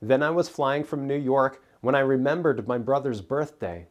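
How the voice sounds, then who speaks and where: A man's voice: medium pitch, normal speed, lo-fi sound. A man narrating a scripted English pronunciation lesson, carefully enunciating single words and example sentences.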